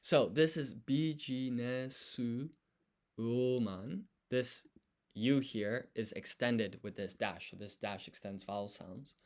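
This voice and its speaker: A man streaming his Japanese study session talks slowly in a mid-range, somewhat mellow voice, with slight background noise. Casual and thinking aloud, he sounds out words syllable by syllable.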